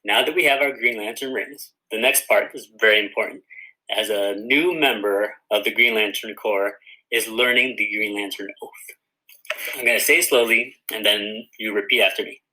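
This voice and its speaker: A man's voice: fairly low pitch, moderate pace, pushed and bright, poor audio. A man who writes children's books, giving a friendly step-by-step craft tutorial for kids. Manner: friendly, guiding viewers through each step. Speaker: children's author teaching a craft.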